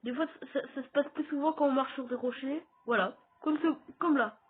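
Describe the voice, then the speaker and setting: A man's voice: very high voice, brisk. A man with a French accent giving casual let's-play commentary, chatting straight to his viewers as he plays. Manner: chatty, talks straight to viewers while playing. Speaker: gaming YouTuber. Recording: tinny phone-like audio.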